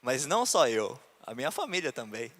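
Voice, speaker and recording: In a sermon testimony, a Brazilian pastor narrates his life story and acts out the people he quotes. His medium-pitched voice is sing-song, fairly quick and a bit bright, with the long reverb of a church hall behind it.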